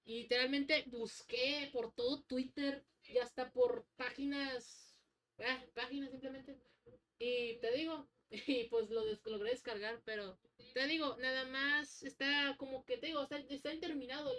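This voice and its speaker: A woman with a Mexican accent gives casual game commentary as a streamer, excitable and full of slang. She rambles and restarts, and her voice swings high whenever something excites her. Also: unhurried.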